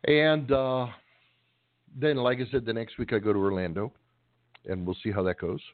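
On a trucking call-in radio show, a middle-aged male co-host chats in a rambling, joking, folksy manner. His voice is medium-pitched with fairly even intonation and a moderate pace. There's no room sound, just a dry, tinny phone-line tone.

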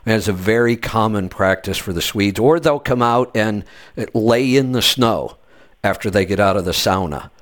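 A man with a somewhat low voice hosts a casual conversation. He tells long stories in an easygoing way, often restarting his sentences. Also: moderate pace. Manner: laid-back storytelling with frequent restarts. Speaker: host. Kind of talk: casual podcast chat.

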